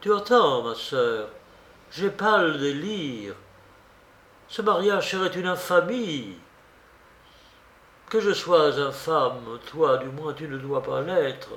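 A man's voice: a little high, lively intonation, slow pace, long pauses. A man reading a feverish, commanding young man. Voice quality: loud and insistent. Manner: urgent and commanding. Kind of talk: audiobook character reading. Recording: roomy recording.

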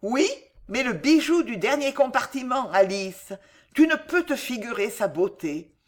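A woman's voice: fairly high pitch, animated, measured pace, voice pushed up. A woman voicing a cold, cruel queen who taunts and threatens in an icy, mocking tone. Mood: coaxing.

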